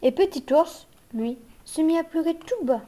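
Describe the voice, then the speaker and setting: A woman reading a children's fairy tale aloud in a gentle, measured way. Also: high voice, expressive. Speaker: narrator.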